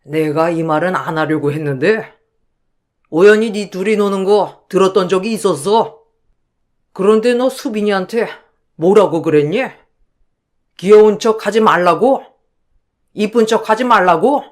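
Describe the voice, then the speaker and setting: A man's voice: high voice, normal speed, long pauses, close to an everyday voice. An actor playing a stern elderly father-in-law in a radio drama, roaring and scolding. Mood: bitter. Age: older.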